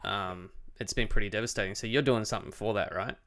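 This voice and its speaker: A man hosting a podcast, talking in a relaxed, easygoing way with casual slang. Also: on the low side, fast talker. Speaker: podcast host.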